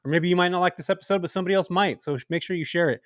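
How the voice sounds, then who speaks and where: A man's voice: high-pitched, very fast, no room sound, clean studio sound. A man hosting a podcast, laid-back and friendly, closing out the episode in casual talk. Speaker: podcast host.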